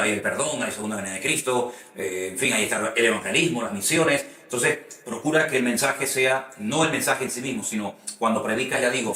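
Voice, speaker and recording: A male pastor preaches in a bright, forceful voice. He is heard from some distance from the mic in an echoey room, and he repeats his points and throws in rhetorical questions. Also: medium pitch. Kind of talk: sermon teaching on preaching.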